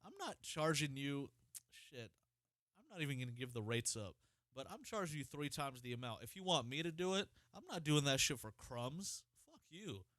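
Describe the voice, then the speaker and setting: A man's voice: medium pitch, normal speed, dry recording. A man co-hosting a podcast in casual chat, ranting with lots of swearing. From Ohio, United States. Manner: profane, animated ranting. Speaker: podcast co-host.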